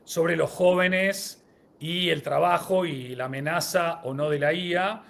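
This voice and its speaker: A man's voice: on the high side, slow pace, creaky, a bit bright. A man co-hosting a live-streamed podcast, greeting viewers and running a word-association game. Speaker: podcast co-host.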